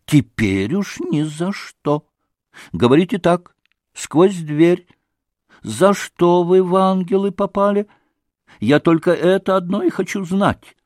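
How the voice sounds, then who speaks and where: A man's voice: high-pitched, slow, darkish tone, no room sound, studio quality, pitched above the performer's own voice. A man voicing a capricious teenage girl who speaks in a demanding, petulant way. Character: capricious, shrill teenage girl behind a door.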